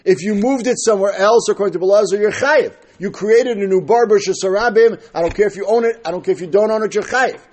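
A man's voice: high voice, quick pace, few pauses, a little mellow. A man with teaching a Talmud lesson, reading phrases and explaining them as he asks and answers his own questions. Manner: argumentative, asking questions and answering them himself.

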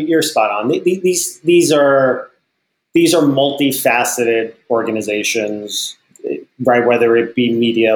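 Man explaining in a roomy echo. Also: fairly low pitch. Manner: explains at length, with frequent restarts. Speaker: sports team co-owner and investor. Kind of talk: casual interview conversation.

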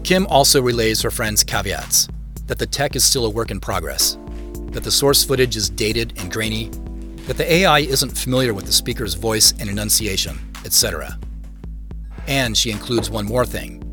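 Playing a reflective man who recounts his dreams and his search, an actor narrates this audio drama in scripted first person as its main character. He has a fairly low, sharp-toned voice with lively intonation and normal speed, in a dry, matter-of-fact mood, with music behind him.

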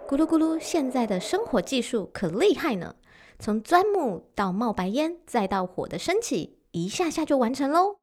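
A woman narrating a children's story in an animated, expressive way. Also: sits high, moderate pace, background noise. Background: background music.

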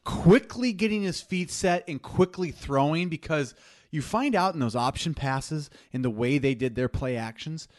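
A man's voice: on the high side, lively intonation, normal speed, a little mellow. A man talking casually about sports on a podcast. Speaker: sports podcast guest or co-host.

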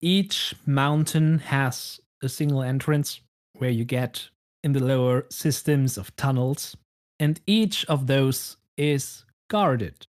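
A man narrating a tabletop game as game master, unhurried and descriptive. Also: medium pitch.

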